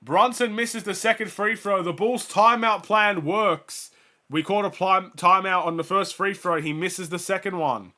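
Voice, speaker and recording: On a fan watchalong he hosts, a young man with a high voice talks at a moderate pace, calling the game casually and reeling off numbers. Being sick, he's losing his voice, but the big plays still push him louder.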